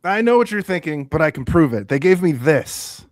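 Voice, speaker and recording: A man playing an excitable, boastful washed-up space-show actor in a radio theatre piece, pleading insistently and repeating himself. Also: a little high, normal speed, no room sound. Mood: eager.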